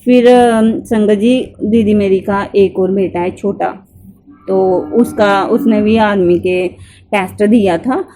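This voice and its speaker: A woman with a mellow, warm tone gives devotional testimony to a gathered congregation. She tells her story earnestly and addresses her listeners directly. Her speech is halting and repetitive, with many restarts. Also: mid-range voice, steady tone, faint music behind.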